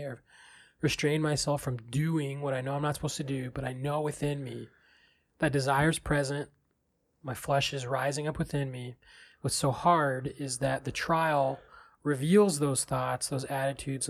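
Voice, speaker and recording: A man's voice: medium pitch, flat delivery, moderate pace, creaky. A man hosting a podcast, speaking earnestly and personally about his own struggles. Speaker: podcast host. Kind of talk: reflective podcast talk.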